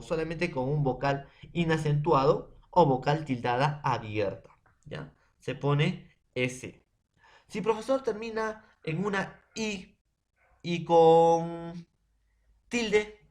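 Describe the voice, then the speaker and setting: A man teaches a grammar lesson to a class, slowly and repetitively, frequently checking in with his students. His voice is on the high side.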